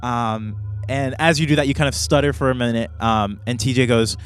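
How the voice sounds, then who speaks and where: A man hosting and narrating a tabletop game podcast in an informal, halting, improvised way. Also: medium pitch, clean tone, soft background music. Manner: halting, filler-heavy, informal. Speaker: game master and podcast host.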